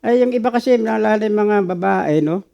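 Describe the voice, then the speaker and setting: A man's voice: high voice, moderate pace, vocal fry, mellow, muffled recording. A man with a Filipino accent preaching a sermon as pastor, mixing Tagalog and English and often asking the congregation questions.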